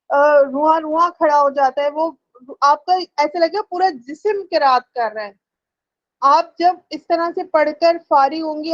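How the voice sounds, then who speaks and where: A woman teaching a religious lesson to women, patient and repetitive, breaking into slow drawn-out chanted recitation for examples. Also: sits high, lo-fi sound. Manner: patient, repeats ticks of "ٹھیک ہے".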